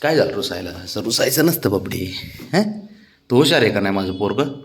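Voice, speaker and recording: Man coaxing his cat in lively tones. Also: lowish voice, fairly quick, slight background noise. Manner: cajoling, affectionate baby talk to a pet. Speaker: cat owner. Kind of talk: coaxing talk to a pet cat.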